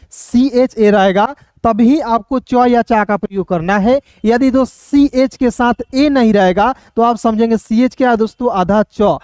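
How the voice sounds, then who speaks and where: Guy teaching beginners, spells stuff out slow letter by letter, keeps asking if you got it, dry close sound. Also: sits high, a little mellow, no room sound. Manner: patient, spells words letter by letter, keeps checking understanding; friendly, calls listeners friends, encouraging. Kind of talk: beginner language lesson.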